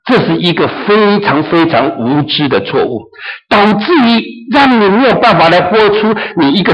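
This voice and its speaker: A man's voice: high voice, fairly bright tone, poor audio. A man preaching a sermon as pastor, emphatic, sometimes acting out quotes and mixing in English phrases. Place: church in New Zealand.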